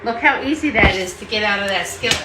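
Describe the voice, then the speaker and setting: A woman's voice: mid-range voice, expressive, quick pace, echoey room, very noisy. A woman co-hosting a home cooking show, explaining each step in a chatty way in her kitchen. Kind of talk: casual cooking demo.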